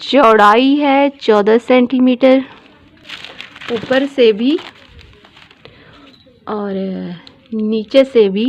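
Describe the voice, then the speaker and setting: A woman talks through a sewing tutorial at an unhurried, careful pace, in a slightly high voice. She patiently repeats each measurement so nobody falls behind. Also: slight background noise. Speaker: dress designer teaching pattern drafting.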